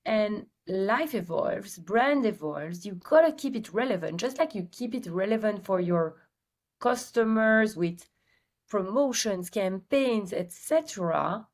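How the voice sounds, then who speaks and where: A woman from Belgium with a Belgian accent, a company's CEO and guest on an interview podcast, telling her story in a lively way with many filler ums. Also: mid-range voice, a little slow. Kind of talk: casual interview chat.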